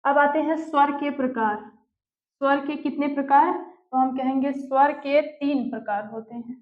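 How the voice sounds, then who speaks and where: A woman teacher giving an online class, slowly putting questions and answering them herself, and dictating notes word by word. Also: high voice, fairly even intonation. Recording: echoey room, tinny phone-like sound.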